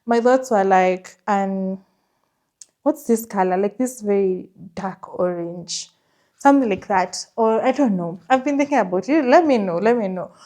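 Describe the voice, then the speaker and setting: A woman's voice: mid-range voice, a little slow, dark tone. A woman giving a casual, chatty house tour, enthusiastic about what she shows. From Kenya. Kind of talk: casual vlog chat.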